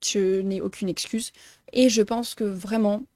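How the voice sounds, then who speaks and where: A woman's voice: medium pitch, steady tone, measured pace, mellow, no echo. A young woman chatting casually about her reading plans in a vlog, talking in loose, self-correcting sentences full of fillers. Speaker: book vlogger.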